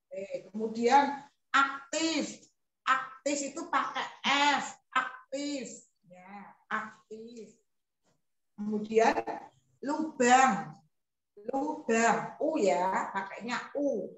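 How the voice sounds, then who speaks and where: A woman's voice: a little high, lively intonation, very slow. A woman primary school teacher, giving a chatty classroom lesson and acting out her pupils' lines. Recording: echoey room, voice from far off.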